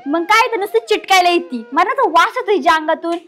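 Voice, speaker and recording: A woman's voice: extremely high pitch, expressive, quick pace, a bit bright. An actress playing a spoiled young stepsister who sneers and whines at her stepsibling, with faint music behind. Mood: sneering. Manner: sneering, whiny. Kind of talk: village drama acting.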